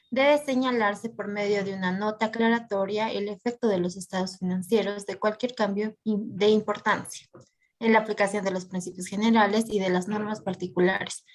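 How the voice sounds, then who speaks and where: A woman's voice: medium pitch, low-quality recording. A woman student reading a passage aloud in class, stumbling and restarting on long words.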